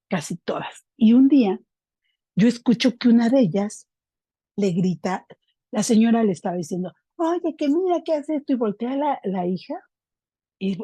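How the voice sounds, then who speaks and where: A woman's voice: medium pitch, dark tone, breathy edge, no room sound, rough recording. A middle-aged Mexican woman candidly sharing a personal testimony at a recovery group, storytelling in a conversational way with frequent fillers.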